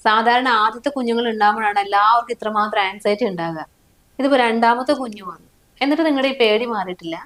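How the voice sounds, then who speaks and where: A woman's voice: on the high side, fast talker, fairly bright tone. A woman acting a wife in a short drama, complaining and hurt in tone. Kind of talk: scripted drama dialogue.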